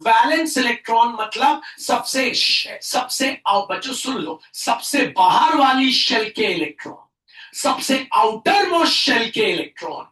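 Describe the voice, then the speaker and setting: A man teaching a classroom chemistry lesson as a tutor, asking questions and answering them himself, with loud bursts of emphasis and English science terms mixed into his speech. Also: very high-pitched, sing-song, measured pace. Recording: echoey room, mic at a distance.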